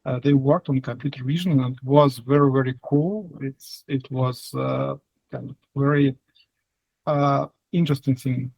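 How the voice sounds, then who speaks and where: A man with a Russian accent answering interview questions casually, in halting, hesitant phrases. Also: medium pitch, steady tone, creaky, a little mellow, breathy edge, no room sound, rough recording. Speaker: software engineer, interview guest.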